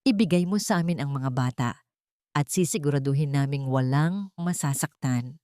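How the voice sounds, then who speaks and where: A woman's voice: low-pitched, moderate pace, dark tone, clean tone, dry recording, studio quality, pitched below the performer's own voice, natural voice. A woman voicing a cold male gunman who taunts in a mocking tone. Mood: taunting.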